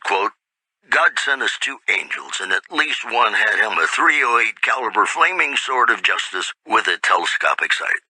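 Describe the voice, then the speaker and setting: A man's voice: fairly low pitch, bright, forceful tone, breathy edge, dry recording, exaggerated voice, poor audio. A man playing a suave, folksy radio newsman in a post-apocalyptic game, reading an old-time newscast with a wry, intimate showman's delivery. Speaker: radio news presenter.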